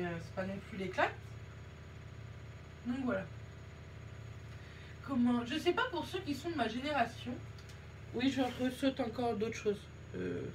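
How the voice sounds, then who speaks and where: A woman's voice: a little high, slight background noise. Chatty young French woman vlogger. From France. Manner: rambling, self-mocking, slangy. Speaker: beauty vlogger. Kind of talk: casual chat while doing makeup.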